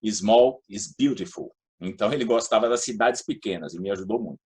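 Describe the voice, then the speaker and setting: Fairly low and darkish in tone, with a slight roughness, this man's voice moves along fairly quickly. He is a middle-aged or older interview guest from São Paulo state, Brazil, once a public housing and utilities official, and he talks in a casual, anecdotal way.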